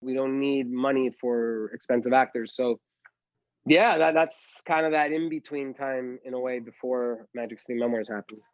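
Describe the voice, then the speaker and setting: A Miami, Florida filmmaker is a guest on a casual podcast interview, telling his story in a chatty way and leaning heavily on "like" and "you know." His voice is medium-pitched and moderately paced. The recording has no echo but sounds muffled.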